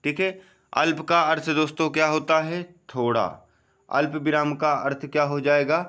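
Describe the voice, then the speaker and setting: Man, teacher, exam-prep grammar lesson, slow explanations, answers his own questions, voice dips low on answers. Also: steady tone, fairly bright tone. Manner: keeps saying "ok" and "friends"; drops low on the answer words.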